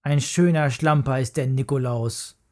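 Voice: medium pitch, unhurried, a little mellow, natural voice. A narrator voicing a messy young schoolboy in a children's story who grumbles and sulks. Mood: sulky. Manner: grumbling and sulky.

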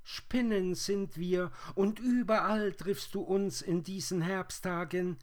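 A man voicing a chorus of tiny wailing spiders in a storybook reading, with a high, whining tone. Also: steady tone, takes it slowly. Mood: insistent.

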